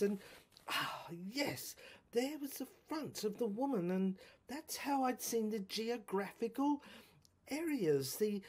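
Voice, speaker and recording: A woman narrates a first-person audio drama haltingly and musingly, repeating words and breaking into exclamations. Her voice is a little high and a little mellow.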